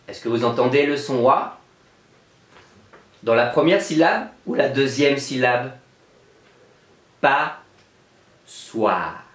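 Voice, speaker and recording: A male teacher giving a remote lesson to young children, taking his time and spelling out each sound with patient care. His voice sits at an ordinary middle pitch. The room around him rings with a noticeable echo. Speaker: kindergarten teacher.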